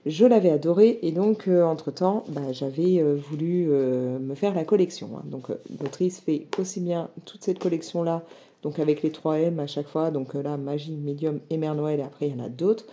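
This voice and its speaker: Chatty woman with a low, dark voice. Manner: chatty, many fillers, enthusiastic. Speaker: book vlogger. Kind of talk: casual book haul chat.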